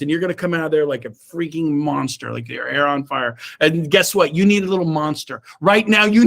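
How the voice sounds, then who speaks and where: A middle-aged man giving a fired-up motivational talk to his real estate team over a video call. He is emphatic and swings from shouts to low asides. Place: indoors, own room on a Zoom call.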